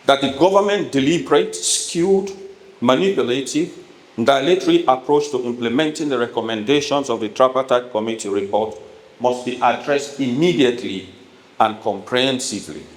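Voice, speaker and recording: At a town hall event, a male politician with a Sierra Leonean accent gives a formal, prepared speech, emphatic and deliberate in measured phrases. His medium-pitched voice is expressive. The hall echoes and background noise is noticeable.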